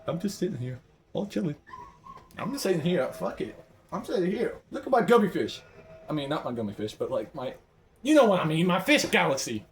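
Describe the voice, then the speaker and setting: Excitable young gamer, high and lively. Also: male voice, fairly quick, slight background noise. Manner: excitable, swings from hushed mumbling to yelling. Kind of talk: live game commentary.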